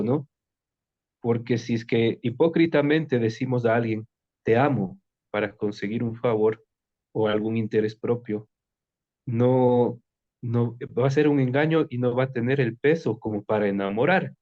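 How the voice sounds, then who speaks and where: Warm-voiced man with dull call audio. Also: medium pitch. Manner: thoughtful, hesitant, with restarts. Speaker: reading club member. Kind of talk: casual book club discussion over a call.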